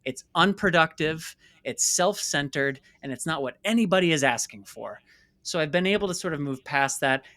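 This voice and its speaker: In a dry recording, a man with a fairly high, pushed and bright voice speaks at normal speed with lively intonation. He's an American documentary filmmaker and interview guest, emphatically and earnestly telling reflective personal stories and repeating words to stress them.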